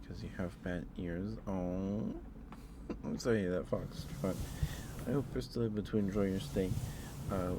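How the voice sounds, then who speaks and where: Soft and low, the voice belongs to a man hosting an informal ASMR livestream. He tends to ramble and falter a little as steady noise fills the background.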